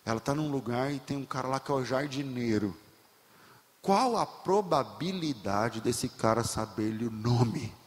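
A man's voice: expressive, unhurried. Impassioned preaching man in a reverberant hall. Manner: builds to impassioned shouting, then drops low. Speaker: pastor. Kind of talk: sermon.

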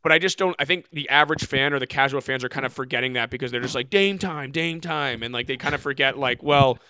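Bright, rambling man talking hoops. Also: medium pitch, steady tone, quick pace, clear, resonant tone, no room sound. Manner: rambling, self-correcting, many "like" fillers. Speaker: podcast co-host. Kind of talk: casual sports podcast chat.

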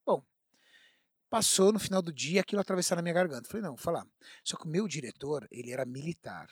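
A man's voice: a little high, expressive, fast talker, husky, dry recording, clean studio sound. A man with a Brazilian Portuguese accent telling an emphatic personal story in a casual talk.

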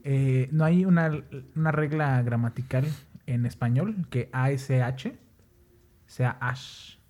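A man's voice: medium pitch, takes it slowly, darkish tone. A young man with a Mexican Spanish accent in casual chat, swearing, joking and arguing between laughs. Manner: crude slang, laughing, argumentative.

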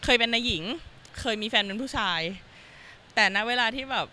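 Chatty bright-voiced woman guest. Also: fairly high pitch, steady tone, moderate pace, a little hiss or hum. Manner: chatty, long telling with many fillers. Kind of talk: casual conversation.

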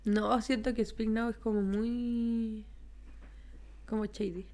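A woman's voice: fairly high pitch, level tone, takes it slowly, darkish tone. A young woman with a Chilean accent in casual podcast chat, hesitant with repeated starts and the odd English word in her Spanish.

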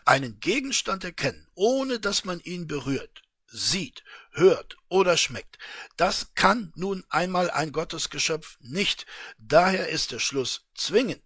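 A blustering, sarcastic office chief, as a man reads him aloud barks and scolds in a husky, lively voice. He sounds bright and forceful. He takes his time over the words. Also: a little high, no echo, studio quality, pitched above the performer's own voice, full character voice. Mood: lecturing. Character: bullying, blustering male head of a secret office.

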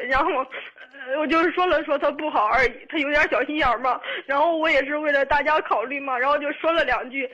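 A woman of twenty-two calling a radio show, upset and tearful, speaking in halting, repetitive bursts. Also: high voice, a bit bright, muffled recording. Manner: halting, repetitive, restarts often. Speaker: caller. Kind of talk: radio call-in.

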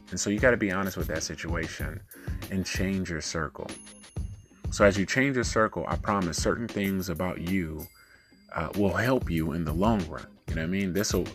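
A man hosting a casual self-help talk, giving advice in a monotone, laid-back, colloquial way. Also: low voice.

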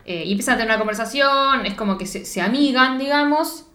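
A young woman with a Rioplatense Spanish accent, co-hosting a casual chat and retelling a film plot in an animated, giggly way, acting out the lines. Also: high voice, fast talker. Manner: animated storytelling, giggly, acts out quotes. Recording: echoey room.

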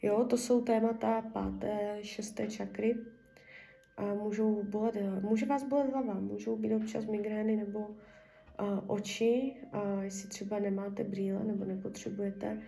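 A woman's voice: medium pitch, steady tone, vocal fry, mellow, far from the mic. A woman leading a spiritual healing session, addressing her client and murmuring repetitive incantations and half-whispered prayers. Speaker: spiritual healer.

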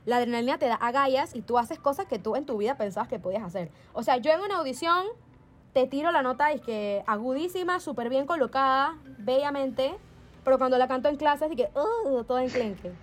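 Lively young woman from Panama telling stories. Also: high voice, a little fast. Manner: animated storyteller, acts out quoted voices, laughs often. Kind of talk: casual storytelling chat.

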